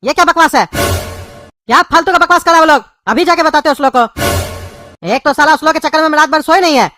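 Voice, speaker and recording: A woman's voice: high voice, brisk, bright, forceful tone, dry recording, studio quality, soft background music. A woman voicing a grumpy, short-tempered cartoon pumpkin father who scolds everyone. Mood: irritated. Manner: scolding, quarrelsome. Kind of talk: cartoon voice acting.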